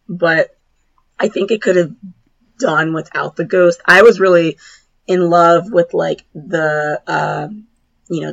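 A woman co-hosting a casual podcast chat with a hoarse, raspy voice that is nearly gone, talking informally with lots of filler words. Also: sits low, muffled recording. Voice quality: raspy, husky. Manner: informal, heavy use of "like" and "you know".

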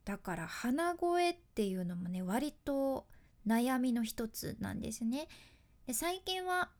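Kyushu-accented woman host, high and very animated voice, shifts from crisp announcer tone to chatty dialect. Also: a little slow. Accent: Kyushu Japanese. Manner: mixes polished announcer delivery with chatty dialect asides. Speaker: podcast host, freelance announcer. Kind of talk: casual podcast talk with tips.

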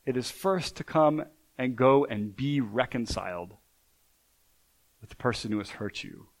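A man's voice: mid-range voice, animated, measured pace, rough recording. A man preaching a sermon in a conversational way, often restarting sentences and checking in with "right?". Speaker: pastor.

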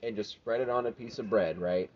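A man's voice: lowish voice, brisk, a little mellow. A man rambling through a casual story, swearing and asking "right?" every few words. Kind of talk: casual banter. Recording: dull lo-fi sound.

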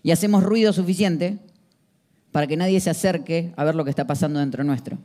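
High-voiced preacher. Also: male voice, a little fast, mellow. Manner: emphatic, rhetorical questions, acts out scenes. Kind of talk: sermon.

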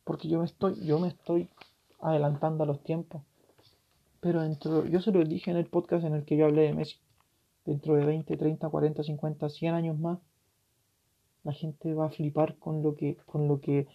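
A tearful man with a Chilean accent hosting a solo podcast, ranting passionately and swearing, his voice swinging from loud to hushed. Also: a little high, level tone, normal speed, creaky. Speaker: podcast host. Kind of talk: emotional solo podcast rant. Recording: dull lo-fi recording.

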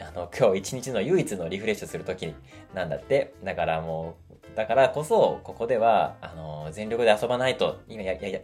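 A man talking in a casual monologue as a podcast host. He is chatty and animated and acts out quotes in a raised voice. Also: fairly low pitch.

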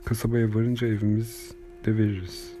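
A man narrating an audiobook in a measured, unhurried storytelling manner. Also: lowish voice, flat delivery. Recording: reading over clear background music.

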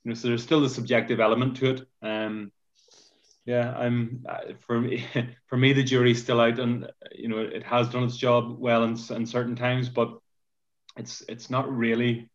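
Flat-voiced man rambling on a podcast. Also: medium pitch, normal speed, muffled recording. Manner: rambling, repeats words, flat delivery. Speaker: podcast panelist. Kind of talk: podcast football discussion.

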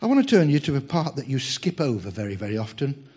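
A man's voice: mid-range voice, very animated, fast talker, a little mellow, slightly rough. A man preaching a sermon in a humorous, chatty way, teasing his congregation.

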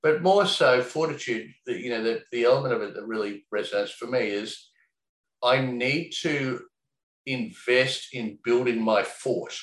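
A man's voice: mid-range voice, unhurried, fairly bright tone. A man talking casually and reflectively, rambling with lots of fillers and the odd swear word. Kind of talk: casual conversation. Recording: echoey room.

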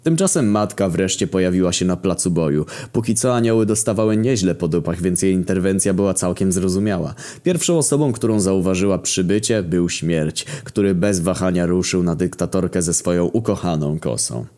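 A man narrating a crude, darkly comic story in a wry, deadpan way. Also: sits low, brisk, few pauses. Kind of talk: casual profane story narration.

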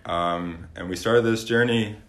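A man's voice: fairly low pitch, a little slow, fairly bright tone. A man hosting a podcast, interviewing his guest in a casual, conversational style. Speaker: podcast host. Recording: echoey room.

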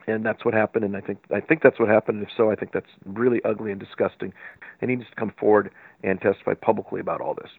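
A man's voice: on the low side, fairly even intonation, fast, creaky, breathy edge, no room sound. A man giving a political interview as a guest commentator, recounting events in detail and arguing his point emphatically. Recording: tinny phone line.

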